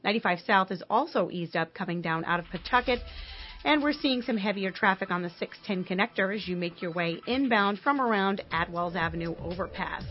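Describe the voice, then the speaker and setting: A woman giving news, traffic and weather in a brisk, scripted newsreader delivery, heard as a muffled AM radio broadcast. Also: mid-range voice, expressive, faint music behind. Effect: muffled AM radio broadcast sound.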